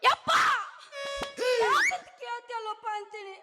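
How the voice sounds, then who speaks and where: A woman playing a sharp-tongued young college-going daughter in a live village stage comedy, with a sing-song, loud stage delivery. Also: extremely high pitch, expressive, a little slow, loud music behind the voice. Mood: teasing. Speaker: stage actress.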